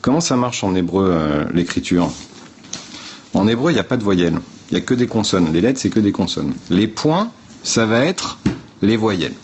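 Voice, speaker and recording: A livestream host speaks to his viewers over a phone stream, his voice fairly low with big pitch swings and a darkish tone at a moderate pace. He explains things step by step in a blunt, informal way, swearing and addressing the audience directly. There's slight background noise.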